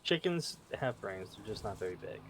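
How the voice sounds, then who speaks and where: A man's voice: fairly low pitch, big pitch swings, normal speed, fairly bright tone. A man co-hosting a podcast in casual chat, rambling as he reads his notes aloud. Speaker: podcast co-host.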